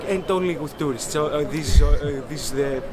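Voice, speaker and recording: A man gropes for his English words in a street interview. His voice sits somewhat high for a man. He is recorded outdoors on a busy street, with a loud crowd all around him. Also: moderate pace. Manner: hesitant, searching for English words. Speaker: food industry worker.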